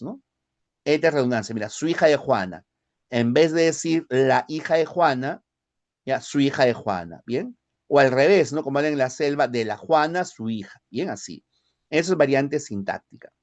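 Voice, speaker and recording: A man from the Peruvian highlands with a Lima accent, lecturing a language class and often checking in with short tag questions. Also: darkish tone. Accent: Lima Spanish. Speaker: language teacher.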